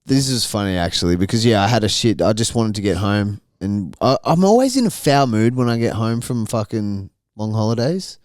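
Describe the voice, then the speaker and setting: A man's voice: lowish voice, expressive, fairly quick, hardly any pauses, a little mellow, no room sound, studio quality. A young Australian man co-hosting a podcast, telling crude, swear-filled stories in casual chat. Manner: crude, profanity-heavy storytelling with laughs. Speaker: podcast co-host.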